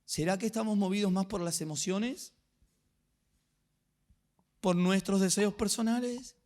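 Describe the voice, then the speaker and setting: Argentine pastor guy, kinda high voice, preaching earnest, lots of rhetorical questions. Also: unhurried, a little mellow. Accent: Rioplatense Spanish. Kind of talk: sermon.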